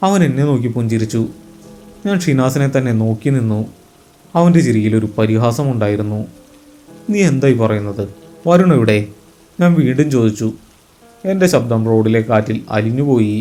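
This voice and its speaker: Mellow male horror storyteller. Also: medium pitch, lively intonation, soft background music. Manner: measured, suspenseful. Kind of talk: first-person horror story narration.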